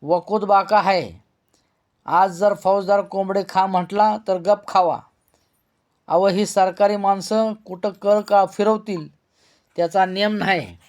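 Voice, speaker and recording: A man reading a novel aloud, voicing a blunt, rustic older village headman who drawls slowly. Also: high-pitched, steady tone, a little mellow.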